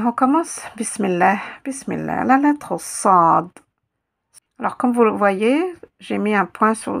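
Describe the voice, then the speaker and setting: A woman teaching an Arabic letter in a slow, step-by-step lesson, patiently repeating sounds for her students. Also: medium pitch, vocal fry.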